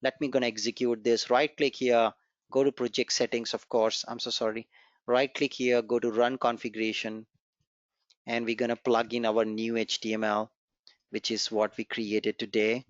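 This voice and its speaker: In a dry, dull lo-fi recording with no echo, a mid-range male voice with little pitch movement speaks at a moderate pace. He's a programming instructor whose first language is Gujarati, encouraging students in a live online coding class while repeating key points and working through the code step by step.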